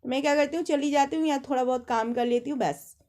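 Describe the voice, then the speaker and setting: A young woman with a high voice tells rambling personal stories in an easy, conversational way. She slips into quick impressions of the people she talks about. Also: darkish tone. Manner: chatty, rambling anecdotes with mimicked quotes. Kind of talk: casual storytelling monologue.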